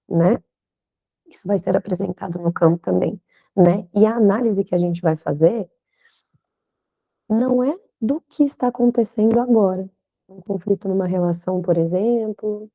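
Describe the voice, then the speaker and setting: Mellow-voiced woman teaching, full of questions. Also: on the low side, low-quality recording. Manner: reflective, asks many questions, frequent "né?". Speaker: instructor. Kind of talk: recorded online lecture.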